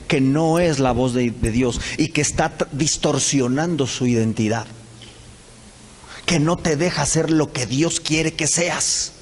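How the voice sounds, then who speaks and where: Pastor, high voice, lively sermon delivery with acted-out dialogue, long church reverb and faint ambience. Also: male voice, slight background noise. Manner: animated preaching, acts out Bible characters in quick dialogue.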